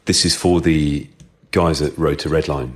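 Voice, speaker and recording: A middle-aged man speaking through a voice changer that makes him sound very deep, telling a rambling story in a recorded voice message as a listener. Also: fairly even intonation, normal speed. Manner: chatty, rambling storyteller with filler ums. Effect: voice changer pitching the voice very deep.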